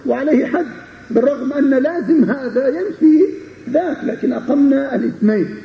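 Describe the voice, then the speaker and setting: Gravelly-voiced lecturer in an echoey room. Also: male voice, very high-pitched, brisk, a little hiss or hum. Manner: explains with repeated checking questions to students. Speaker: Islamic scholar teaching a text. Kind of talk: classroom lecture on a legal text. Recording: dull lo-fi recording in an echoey room.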